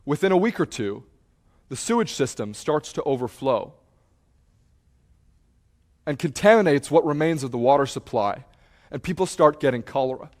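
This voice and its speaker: A man's voice: on the high side, animated, moderate pace, pauses often. A man giving a talk, telling stories dramatically and building intensity around a repeated refrain. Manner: acts out shouts and quotes.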